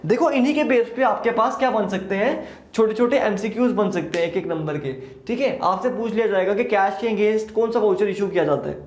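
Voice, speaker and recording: Guy teaching accounts at the board, high-ish voice, keeps asking then answering his own questions, room echo. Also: a little fast, darkish tone. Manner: mixes Hindi and English, asks and answers his own questions. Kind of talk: exam-prep lecture. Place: classroom with a board. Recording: echoey room.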